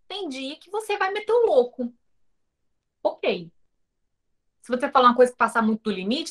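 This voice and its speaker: A woman with a Brazilian accent gives a casual recorded lesson in a rather high voice. She puts rhetorical questions to her viewers and acts out the lines of people in her own stories. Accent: Brazilian Portuguese. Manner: lively, talks straight to the viewers with rhetorical questions. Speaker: teacher of an online course.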